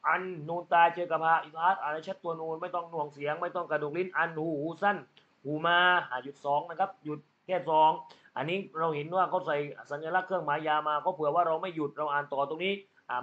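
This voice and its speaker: A man with a fairly high voice explains pronunciation rules patiently, one letter at a time, with lots of polite particles. The recording is muffled and lo-fi. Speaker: Quran recitation teacher.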